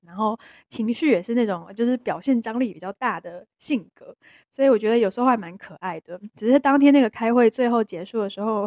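Soft-spoken woman with Taiwanese Mandarin accent. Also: on the high side, dry recording. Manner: hesitant, many restarts and fillers, soft trailing voice. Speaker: podcast co-host. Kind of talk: casual chat.

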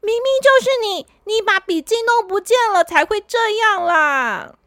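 A woman's voice: very high-pitched, expressive, measured pace, a bit bright, dry recording, pitched above the performer's own voice, full character voice. A woman voicing an anxious young girl who stammers and sounds close to tears. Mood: fretful. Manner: stammering, teary.

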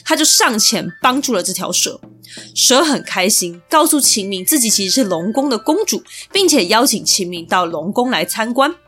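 Woman, podcast host, lively storyteller, crisp bright tone, chatty explainer, soft music behind. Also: fairly high pitch. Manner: chatty explainer, spells out written characters. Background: soft background music.

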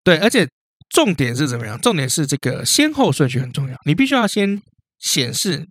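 A man's voice: on the high side, big pitch swings, fairly quick, fairly bright tone, no room sound, studio quality. A man co-hosting a podcast in casual, jokey chat, often slipping into silly voices. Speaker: podcast co-host.

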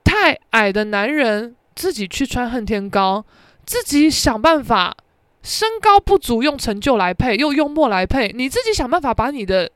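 A young Taiwanese-accented woman rants through a podcast story, blunt and quick to swear. Her voice sits high and bright in pitch. The sound is dry and close, with no room around it. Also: smooth, dry recording. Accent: Taiwanese Mandarin. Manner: brash, blunt, swears freely, animated. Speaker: podcast host. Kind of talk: casual storytelling rant.

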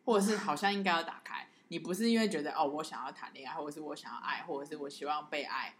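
A woman's voice: deep voice, fast. A woman co-hosting a podcast in casual chat, mostly giving short agreeing replies and now and then explaining a point firmly. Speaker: podcast co-host.

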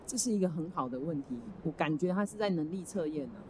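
A man's voice: expressive, fast talker. A man with a Taiwanese Mandarin accent in casual chat as a co-host, chiming in with questions and agreement. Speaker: podcast co-host asking questions. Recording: clear background rumble and noise.

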